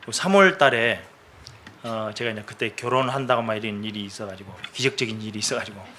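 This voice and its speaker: A man's voice: lowish voice, quick pace, sharp tone, slight background noise. A male pastor giving a conversational Sunday sermon, telling stories and acting out the prayers and talks he retells. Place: church service.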